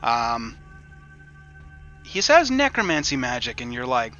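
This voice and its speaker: Bright-voiced man running a tabletop game. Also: medium pitch, wildly swooping pitch, unhurried, lo-fi sound, soft background music. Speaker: game master. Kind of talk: narrating a tabletop role-playing game, casual.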